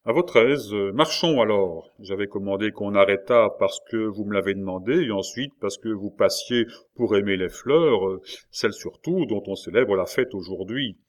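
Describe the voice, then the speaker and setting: A man's voice: on the low side, moderate pace, natural voice. Man reading as a courteous army officer. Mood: polite. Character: courteous male army officer, gently firm. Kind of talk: audiobook reading.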